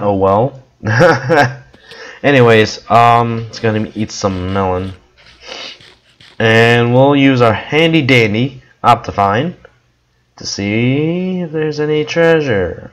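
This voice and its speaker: A man giving casual gameplay commentary with a hoarse, worn voice, coughing now and then and rambling with many fillers. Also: mid-range voice, poor audio. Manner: rambling, with frequent ums and restarts. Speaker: gameplay video creator.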